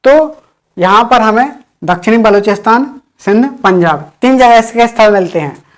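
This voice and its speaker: A woman teaching an exam-prep history class, repeating key points slowly and quizzing the listeners. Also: a little high.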